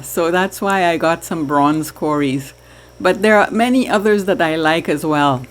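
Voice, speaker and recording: A woman from Trinidad talks to her viewers at a slow, easy pace. Her voice sits a little low, and she chats warmly about her aquarium with the odd soft laugh. The delivery is relaxed and conversational. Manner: slow, chatty, laughs softly. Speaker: aquarium hobby vlogger. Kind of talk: casual chat to camera.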